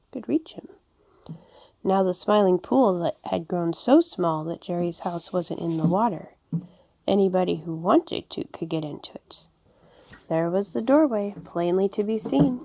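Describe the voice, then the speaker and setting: A woman reads a children's storybook aloud, gentle and expressive. Her voice is warm and mellow and sits a bit low, and the recording is dry and close. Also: creaky, dry recording. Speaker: audiobook reader. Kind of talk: storybook reading.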